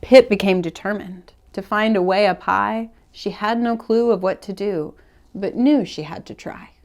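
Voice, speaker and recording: A woman who hosts children's story time at a public library reads a rhyming picture book aloud, shaping each line with expressive, deliberate phrasing in her mid-pitched voice.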